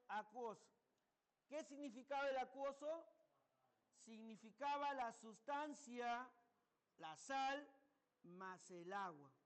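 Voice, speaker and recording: A male chemistry teacher lecturing a class, asking students questions and answering them himself. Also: very high-pitched.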